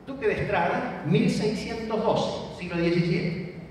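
A man's voice: high-pitched, a little slow, a little mellow, slight background noise. Man, university-style lecture, faint room ambience, very echoey. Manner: didactic, checks in with listeners. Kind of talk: academic lecture. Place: lecture hall. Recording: echoey hall from far off.

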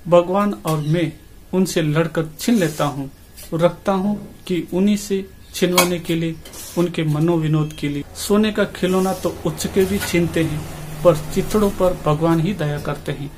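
A man voicing a humble, gentle wandering male ascetic beggar who speaks softly and kindly. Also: high-pitched, a little slow. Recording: faint background noise.

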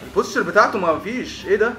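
A man with an Egyptian Arabic accent commentating on a game at a breakneck clip, bright and high-pitched, bursting into shouted exclamations and stammering repeats. His voice rings in an echoey room with faint game music underneath. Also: expressive, rapid-fire. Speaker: gaming video host.

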